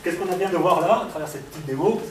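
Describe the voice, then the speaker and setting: Here a man with a cold runs a live technical demo of a robot before a hall audience. His voice is a little high and expressive, and he speaks quickly, casually, with plenty of fillers and questions for listeners. Echo, background noise and a far-off mic mark the recording.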